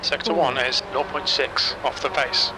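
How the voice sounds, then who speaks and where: A man's voice: mid-range voice, fairly even intonation, normal speed, natural voice. A man giving terse pit radio calls as a race engineer in a racing game. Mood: curt. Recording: engine noise under the voice.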